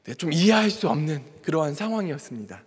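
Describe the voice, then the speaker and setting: A man's voice: a little high, big pitch swings, fast talker, husky. A man preaching a sermon as a pastor, telling a personal story and acting out the quoted dialogue. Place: large church sanctuary. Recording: long church hall reverb.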